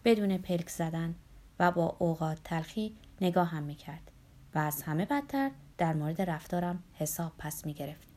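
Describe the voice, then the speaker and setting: A woman narrating a novel in a steady storytelling manner. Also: lowish voice. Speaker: audiobook narrator.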